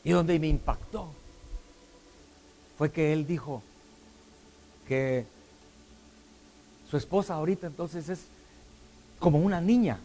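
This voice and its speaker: A man's voice: fairly high pitch, slow, pauses often, mellow, a little hiss or hum. A middle-aged man preaching a sermon, often putting questions to the congregation. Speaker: pastor.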